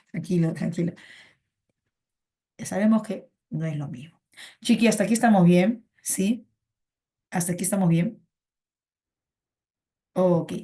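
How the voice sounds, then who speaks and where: Teaching a pre-university reading course online, this woman speaks with a medium pitch and a dark tone. She chats freely, keeps repeating her phrases for the students, and calls them "chiqui."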